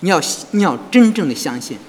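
Male pastor, high husky voice, animated sermon, echoing church hall. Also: a little fast. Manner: animated preaching with frequent rhetorical questions to the congregation.

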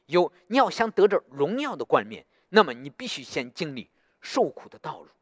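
A man's voice: fairly high pitch, normal speed, dry recording, studio quality. A man preaching a sermon, telling a story and often asking the listeners to agree. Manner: animated, asks listeners for agreement.

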